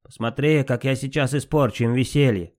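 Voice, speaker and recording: Narrating an audiobook, a man voices a spiteful, insolent trickster god of fire who answers back scornfully, defiant and mocking. His medium-pitched, darkish voice is brisk and natural, pushed upward for the role.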